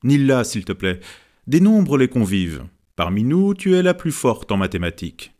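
A man's voice: mid-range voice, sing-song, moderate pace, mellow, close to an everyday voice. A man doing a formal eldest disciple. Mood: coaxing. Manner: formal, solemn.

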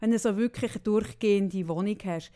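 A woman with a Swiss German accent chatting casually, telling everyday anecdotes with lively acted-out dialogue. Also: mid-range voice, a little fast. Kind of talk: casual chat.

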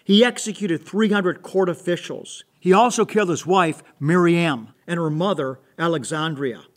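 A man with a notably high voice hosts and introduces the story. He reads his scripted lines in an informative, direct way. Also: moderate pace. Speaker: host.

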